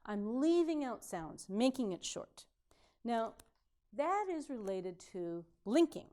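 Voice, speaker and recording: A woman with a fairly high voice gives a classroom lecture on pronunciation. She talks clearly and deliberately. She sounds out each example word carefully. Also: big pitch swings, dark tone. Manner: clear, deliberate teaching delivery with modeled example words. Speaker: pronunciation instructor.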